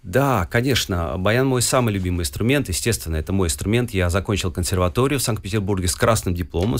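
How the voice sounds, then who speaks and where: A man in his forties from Russia, a guest musician telling his story at length in an interview, with frequent hesitations. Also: low voice.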